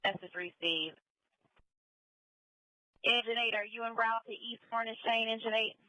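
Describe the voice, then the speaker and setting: A woman's voice: a little high, normal speed, sharp tone, no room sound. A woman working as a fire dispatcher on urgent firefighter radio, repeating back reports in clipped, procedural phrases. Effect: two-way radio. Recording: dull lo-fi radio audio.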